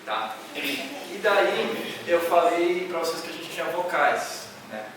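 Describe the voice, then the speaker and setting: Guy teaching a music workshop, half shouting, slightly high voice, big echoey room from far off. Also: sing-song, takes it slowly, noisy background. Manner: loud, nearly shouting, with many fillers and restarts. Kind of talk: workshop explanation to students. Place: large echoey hall. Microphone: camera from a distance. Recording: echoey hall recorded from far off.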